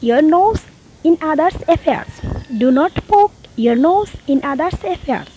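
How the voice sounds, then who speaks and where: A very high, lively voice belongs to a woman, a Bengali speaker teaching spoken English. She reads each sentence very slowly and deliberately, repeating it twice. A faint hiss of background noise sits under her voice. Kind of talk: slow, repeated phrase-by-phrase teaching.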